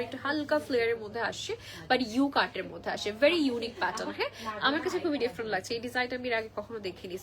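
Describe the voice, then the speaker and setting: Young woman, high voice, a little under the weather, live-stream clothes seller, crowd chatter clearly behind. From Bangladesh. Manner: chatty, mixes English phrases in. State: a little unwell. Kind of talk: live shopping sales pitch. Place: clothing shop.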